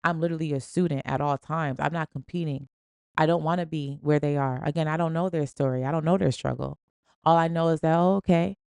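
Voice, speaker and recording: A woman's voice: deep voice, steady tone, quick pace, creaky, darkish tone, clear, resonant tone, dry recording. A woman hosting a podcast, giving an emphatic, slangy, preachy motivational talk in a casual style. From Springfield. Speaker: podcast host.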